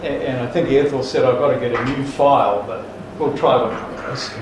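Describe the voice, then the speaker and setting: A man's voice: mid-range voice, fairly even intonation, a little fast, background noise. A man preacher delivering a sermon with jokes, folksy and emphatic, with restarts. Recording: echoey church hall from far off.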